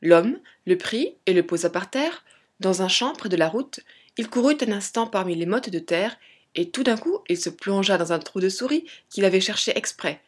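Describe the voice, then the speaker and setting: A woman reading a fairy tale aloud as a storyteller, in a gentle, measured way. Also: mid-range voice, expressive, breathy edge.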